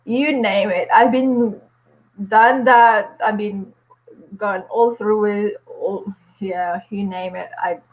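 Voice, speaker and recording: This nurse and vlogger from the Philippines, in her forties, has a mid-range voice with a steady tone and a slow pace. She's upbeat on a casual live stream at home, full of fillers and little laughs, over dull lo-fi stream audio.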